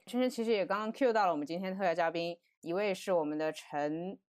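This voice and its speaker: Woman, podcast host, lowish voice, reading scripted intros. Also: fast, clear, resonant tone. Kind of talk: podcast hosting.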